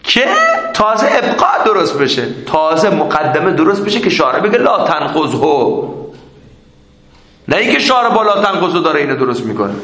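A male teacher giving a seminary lecture, lively and conversational, often putting questions to the class. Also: fairly high pitch. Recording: echoey room.

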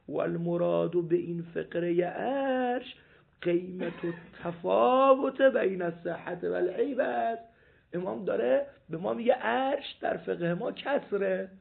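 A man's voice: high voice, vocal fry. A man teaching a seminary law class, reading passages aloud and questioning his students. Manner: animated, repeats points, asks the class questions. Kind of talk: jurisprudence class lecture. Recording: phone-like lo-fi recording.

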